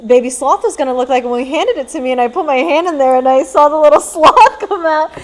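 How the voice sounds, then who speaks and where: A woman's voice: high voice, fast. A woman chatting with friends about a dance show, telling stories with lots of laughter. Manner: giggly, lively storyteller. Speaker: choreographer and co-host. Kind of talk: casual chat.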